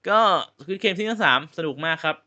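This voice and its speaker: A man's voice: sits high, animated, moderate pace, pushed and bright. A man giving a casual spoken review on his channel, ranting with exasperated rhetorical questions in loose, slangy talk. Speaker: vlogger reviewing a series.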